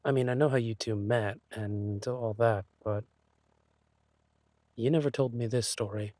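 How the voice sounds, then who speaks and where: A man's voice: mid-range voice, fairly even intonation, darkish tone, no room sound, close to an everyday voice. Hesitant, tender boyfriend thief, acted by a man, dry sound. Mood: wistful, gentle. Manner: hesitant, halting, sighing delivery. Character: lovesick insecure male thief, tender boyfriend confessing doubts. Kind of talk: romantic audio role-play, one-sided conversation.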